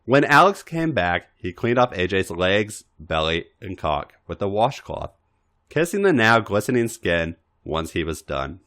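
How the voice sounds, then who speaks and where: A man's voice: on the low side, big pitch swings, unhurried, fairly bright tone. A man narrating a story as a podcast reader, with a dramatic, emphatic delivery. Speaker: podcast host reading fan fiction. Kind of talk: expressive narrated story reading.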